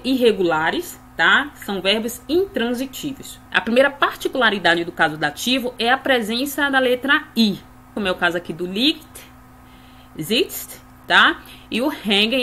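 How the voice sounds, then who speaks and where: A woman explaining German grammar tables, ending each point with a quick tag question. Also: a little high, pushed and bright, slight background noise. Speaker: German teacher.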